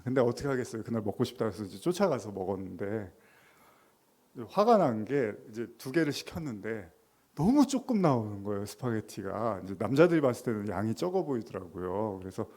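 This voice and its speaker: A middle-aged man preaching to his congregation in a relaxed, conversational way. He slips into short acted-out exchanges and laughs along with his own stories. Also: medium pitch. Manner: conversational preaching, acting out dialogue, laughing often. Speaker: pastor. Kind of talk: sermon.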